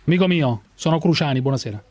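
Pushy fast-talking male radio host. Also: fairly high pitch, animated, darkish tone, faint music behind. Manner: pushy, repeats his questions over and over. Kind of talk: confrontational radio interview. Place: radio studio.

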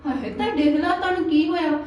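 Casting: a woman as a high-voiced, quarrelsome Punjabi sister-in-law, recorded far off in a very echoey room. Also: darkish tone, muffled recording, natural voice. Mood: complaining. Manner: quarrelsome, complaining, quick to take offence. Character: young married woman, sister-in-law demanding money, sharp-tongued. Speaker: actor in a family drama. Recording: very echoey room, mic at a distance.

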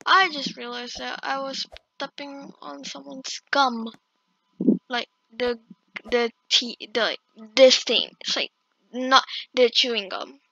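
High, creaky young-sounding female gamer. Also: takes it slowly, sharp tone, dry recording, muffled recording. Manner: chatty, reacts aloud and talks to herself. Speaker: gaming video host. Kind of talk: casual gameplay commentary.

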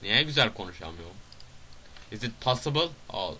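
A young man from Turkey giving casual gameplay commentary, excitable, swearing, swinging between loud outbursts and mutters. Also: lowish voice, moderate pace, slight background noise.

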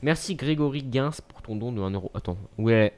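A man's voice: medium pitch, lively intonation, fairly quick, a little mellow. A young man live-streaming a video game, chatting casually, mocking himself and thanking viewers as he plays.

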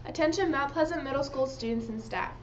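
A female student announcer reads the morning notices in a steady, scripted way, her fairly high voice sounding like a school announcement broadcast. The sound is dull and lo-fi, with a faint hiss underneath. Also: a little fast.

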